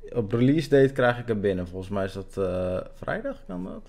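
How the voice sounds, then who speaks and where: A man's voice: mid-range voice, very animated, moderate pace, vocal fry, darkish tone. A young man casually commentating on a livestream and reading out card names. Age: young adult. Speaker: card pack-opening streamer. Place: small home room with shelves, indoors.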